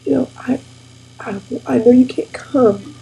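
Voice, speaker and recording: Woman host, forties, husky gravelly voice, tearful and close to crying, direct to viewers, faint hum. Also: high-pitched, a little slow, warm tone, low-quality recording. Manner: tearful, addresses audience as y'all. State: weepy, near tears. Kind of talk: casual heartfelt talk to viewers.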